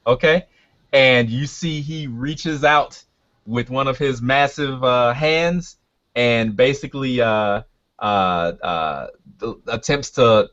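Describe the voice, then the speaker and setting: A man running a tabletop game as game master, talking casually and haltingly as he thinks aloud and checks rules. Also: medium pitch, a bit bright. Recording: dull, lo-fi sound.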